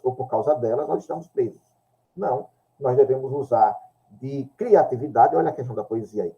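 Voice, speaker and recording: A man speaking in a study group discussion, reflective and halting, often repeating words as he searches for them, in a lo-fi recording. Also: on the high side, dark tone. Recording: dull lo-fi recording.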